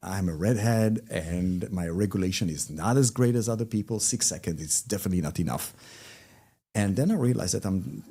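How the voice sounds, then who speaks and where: A man's voice: fairly quick, slightly rough. A man with an Israeli accent, a workshop trainer guesting on an interview podcast, telling stories animatedly and acting out quotes. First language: Hebrew. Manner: lively, swings pitch widely, acts out quotes.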